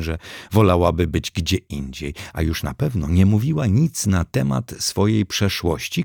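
A man's voice: deep voice, vocal fry, a little mellow, slightly rough, no echo. A man narrating an audiobook with a dry, wry delivery.

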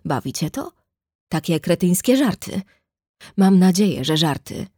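A woman's voice: lowish voice, very animated, a little slow, mellow, dry recording, clean studio sound. A woman voicing a hot-tempered, protective young man in a read-aloud story. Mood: tense. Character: angry protective young adult brother.

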